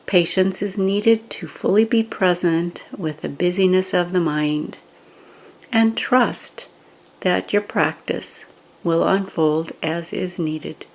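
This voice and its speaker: A woman leads a guided meditation, reading scripted instructions gently and at a measured pace with pauses. Her voice is fairly low, and the recording is rough.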